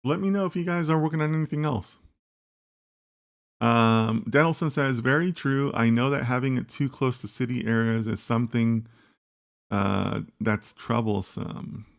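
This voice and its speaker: Hosting a relaxed data science livestream and reading comments from viewers, an American man speaks at a normal speed in a gravelly, mid-range voice. He muses out loud in a wandering, chatty way, ending points with "right?".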